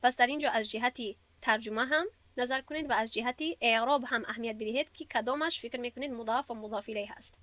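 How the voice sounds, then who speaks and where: A woman teacher walks through a grammar lesson with patient, step-by-step explanations. Her voice sits a little high. She is recorded dry and close, with almost no room sound. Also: fairly bright tone, no echo. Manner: patient, step-by-step explaining, recites verses slowly. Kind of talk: classroom lesson.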